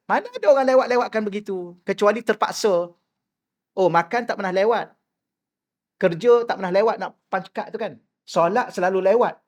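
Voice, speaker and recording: A middle-aged man giving a mosque lecture, asking the audience rhetorical questions and acting out the people he quotes. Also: sits high. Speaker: religious teacher.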